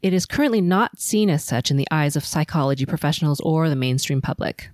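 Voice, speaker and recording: A middle-aged woman from Los Angeles hosting a solo podcast, telling her life story in a measured, composed, prepared way. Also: low voice, animated, a little mellow, dry recording, clean studio sound. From Los Angeles, USA. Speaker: podcast host. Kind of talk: autobiographical solo podcast narration.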